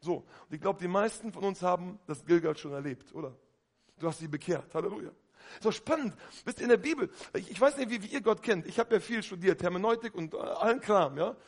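A man preaching a lively sermon to a congregation, talking to them directly and often calling out hallelujah. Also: sits high, fairly quick.

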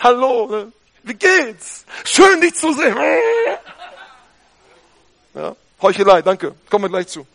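A man preaching a lively sermon to his congregation, often calling for amen and halleluja. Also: sits high. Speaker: pastor.

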